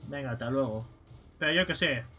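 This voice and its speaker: A man giving casual let's-play commentary, swearing and yelling at enemies as he plays. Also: medium pitch, fairly quick. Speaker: gaming streamer. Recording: slightly dull stream audio with game music.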